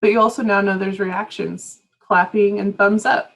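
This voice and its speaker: A woman's voice: medium pitch, fairly even intonation, moderate pace, creaky, a bit bright, rough recording. A woman leading a staff training session over a video call, explaining step by step in a patient, casual way. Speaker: workshop presenter.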